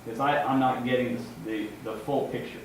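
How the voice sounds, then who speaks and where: A man giving an informal, conversational sermon as a lay preacher, in a halting way with repeated words and checking tags. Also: mid-range voice, fairly even intonation. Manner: ends points with checking tags like "right?" and "okay?". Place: large echoing indoor room, before a congregation. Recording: very echoey room, distant mic, faint noise.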